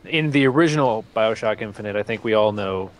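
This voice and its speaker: A man's voice: lowish voice, brisk. A man co-hosting a horror game let's-play, laughing a lot and rambling through his comments. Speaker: co-host. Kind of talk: casual let's-play chat. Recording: faint background noise.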